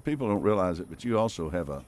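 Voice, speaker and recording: A man's voice: low-pitched, lively intonation, fast talker, a little mellow. A man co-hosting a casual outdoor radio talk show in a folksy, joking manner.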